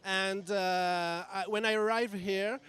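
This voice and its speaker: A man's voice: high-pitched, steady tone, slow, a bit bright, clean tone. A man from France with a French accent, a member of a charity order, speaking in simple second-language English.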